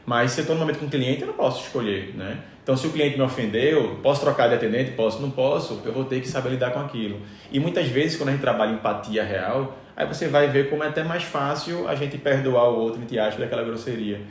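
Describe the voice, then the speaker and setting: A man speaks quickly and emphatically, tossing in conversational fillers as he explains. His voice sits at a middle pitch. The room adds noticeable echo, with a faint ambient hum behind him. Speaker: podcast guest, business speaker.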